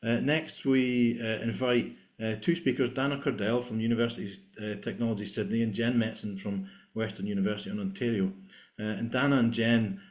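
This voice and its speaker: Halting male chair over a tinny line. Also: lowish voice, steady tone. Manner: halting, many 'uh' fillers. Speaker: session chair. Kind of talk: formal introductions at an online meeting. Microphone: video call. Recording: tinny video-call audio.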